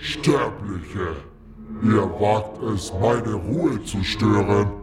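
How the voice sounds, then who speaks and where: An ancient undead orc shaman speaks very slowly in a low voice, grandiose and mocking. He is a menacing ceremonial high priest from a fantasy audio story, with loud music under every word. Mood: menacing disdain. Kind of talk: dramatic audio story acting.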